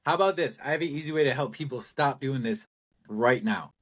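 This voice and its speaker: A middle-aged man co-hosting a casual business chat, animated and rambling, laughing often and talking bluntly with some swearing. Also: medium pitch, fairly quick. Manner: blunt, salty language. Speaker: podcast co-host.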